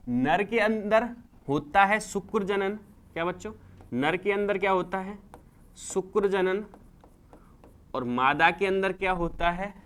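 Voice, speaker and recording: A man with a Rajasthani Hindi accent teaching a class, lively and repetitive, asking students questions and answering them himself. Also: on the high side. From India. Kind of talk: classroom lecture.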